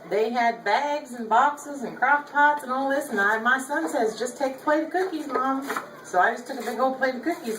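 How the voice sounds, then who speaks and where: An older woman with a Southern accent, chatting folksily through a home cooking demonstration in her kitchen, filmed by her son. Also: a little high. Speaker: cooking show host. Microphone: camera held by her son. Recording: echoey room, distant camera mic, background noise.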